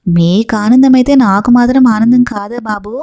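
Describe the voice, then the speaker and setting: Timid, fawning male servant voiced by a female narrator, pleading tone, mellow and a bit high. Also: moderate pace, no room sound, muffled recording, close to an everyday voice.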